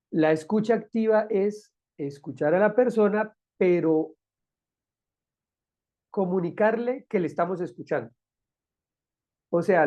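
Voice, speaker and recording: A man's voice: sits high, darkish tone, lo-fi sound. A man teaching a recorded lecture, explaining patiently and repeating key phrases. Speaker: instructor.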